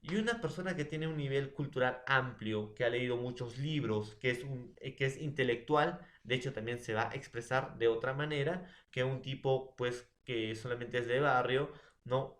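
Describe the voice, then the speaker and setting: A man's voice: medium pitch, fairly bright tone. Peruvian man lecturing a class, echoey. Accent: Peruvian Spanish. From Peru. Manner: explains with many examples, checks in often with the class. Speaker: teacher. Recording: echoey room.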